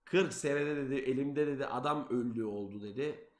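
A young man telling a story to his stream chat in a casual, animated, profane way, loudly acting out his own lines. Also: mid-range voice, fairly quick. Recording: roomy echo.

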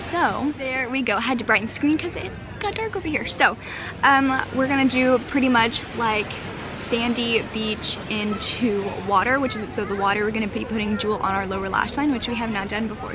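A woman's voice: fairly high pitch, moderate pace, background noise. A young woman hosting a makeup tutorial, bubbly and chatty, sitting at an outdoor picnic table near the beach and filming herself up close. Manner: bubbly, chatty, lots of "super" and "fantastic". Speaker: beauty vlogger. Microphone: handheld camera close up.

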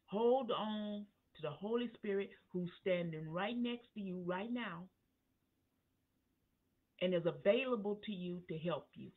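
A woman pastor preaching at a Bible study, in a slow, emphatic cadence that rises to fervent peaks. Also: medium pitch. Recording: tinny phone-line sound.

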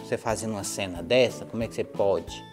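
Over music, a Brazilian pet-owner vlogger with a very deep voice talks quickly while bathing her nervous dog. She coaxes and calms it in casual talk, sighing and exclaiming along the way.

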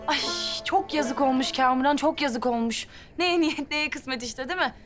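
An actress playing an excitable, fussy young woman who hurries her friend along in a TV comedy. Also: high voice, moderate pace, faint music behind, lightly acted. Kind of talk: TV comedy acting.

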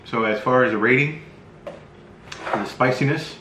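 A middle-aged man giving a casual, halting, low-key food review as he tastes, recorded at a table indoors. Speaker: spicy food review host. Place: small bright room indoors. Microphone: camera mic across a table. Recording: echoey room, faint background noise.

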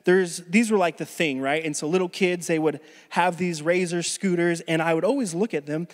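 A man's voice: fairly high pitch, steady tone, moderate pace. A man in his thirties preaching a sermon as pastor, telling a story casually with many restarts, a little out of breath. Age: 30s. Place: church hall. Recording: reverberant church hall.

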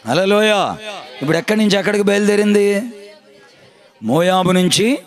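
A man preaching a sermon as pastor, emphatic, repeating his phrases and calling on the congregation to answer. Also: high-pitched. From India.

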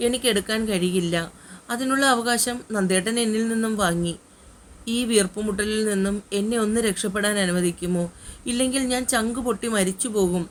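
A woman's voice: medium pitch, fairly quick, a little hiss or hum, lightly acted. A woman voicing a sobbing heartbroken young woman. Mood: despairing. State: crying.

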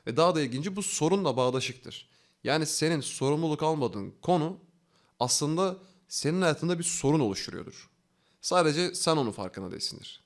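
Fast-talking, earnest male instructor. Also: mid-range voice. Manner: explains step by step, asking himself questions and answering them; fast, earnest, coaxing delivery with rising emphasis. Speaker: online self-development instructor. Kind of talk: instructional talk.

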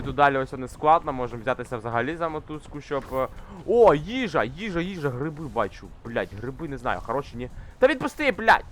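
A young man commenting casually on a climbing game he plays, swearing often and shouting when things go wrong. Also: mid-range voice, slight background noise. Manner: swears constantly, shouts in frustration while climbing. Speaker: gamer. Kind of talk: casual let's-play commentary. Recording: faint game music behind.

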